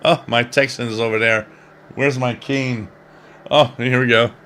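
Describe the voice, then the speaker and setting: On a live shortwave radio stream, the host, a man in his fifties, goes through viewer comments with casual, rambling jokes. His mid-range voice is fairly bright and fairly even in intonation, and he speaks a little slowly amid slight background noise.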